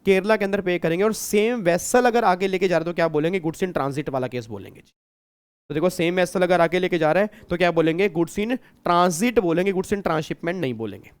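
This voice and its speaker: A man from India teaches customs law to an online class, keeping his voice high and smooth. He repeats each point and quizzes the students. He also teases them as he goes. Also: moderate pace. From Kurukshetra, India. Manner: teasing, repetitive, asks the class questions. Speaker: tax teacher.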